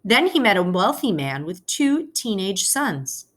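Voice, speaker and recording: A woman teacher narrates a picture book in a mid-range, sing-song voice that's a bit bright. She phrases things deliberately, pausing for her young listeners.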